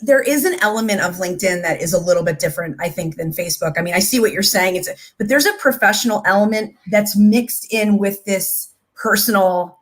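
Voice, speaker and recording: A woman's voice: medium pitch, a little fast, few pauses. A woman hosts a live-streamed interview from her own setup on a video call. She talks with enthusiasm and keeps affirming her guests as she moves the chat along. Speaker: host.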